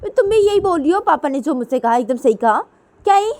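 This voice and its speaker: A woman's voice: mid-range voice, animated, moderate pace, warm tone, pitched above the performer's own voice, natural voice. A woman voicing a stressed young woman who keeps firing off exasperated questions. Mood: angry.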